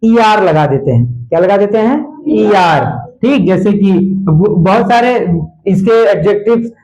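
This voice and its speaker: A man's voice: sits high, lively intonation, a little slow, darkish tone. A male teacher giving a classroom grammar lesson, quizzing his students with repeated questions. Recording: dull lo-fi classroom recording.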